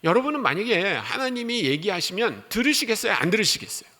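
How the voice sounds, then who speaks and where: A male missionary preacher giving an animated sermon in a church, reading scripture and asking the congregation questions. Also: high-pitched, fast. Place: church sanctuary. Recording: echoey church hall.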